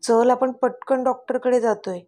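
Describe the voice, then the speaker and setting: A woman's voice: on the high side, fairly even intonation, warm tone, lightly acted. Woman voicing a worried caring young husband. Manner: worried, hurried.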